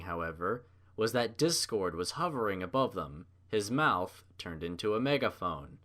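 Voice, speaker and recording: Reading fan fiction aloud, a male narrator uses a mid-pitched voice that is highly animated and varies widely, giving the story an expressive feel.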